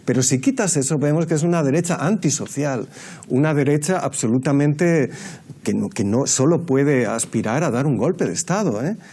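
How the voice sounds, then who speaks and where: Man, panelist, dark warm voice, measured, hesitant, analytical debate talk. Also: mid-range voice, expressive, slightly rough. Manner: measured, lecturing, many hesitations. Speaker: political panelist.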